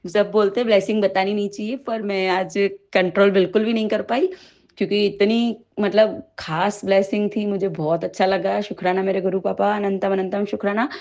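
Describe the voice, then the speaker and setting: A woman sharing a devotional testimony with a tearful voice, growing quieter and breaking into prayer. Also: medium pitch, steady tone, fairly quick. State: crying.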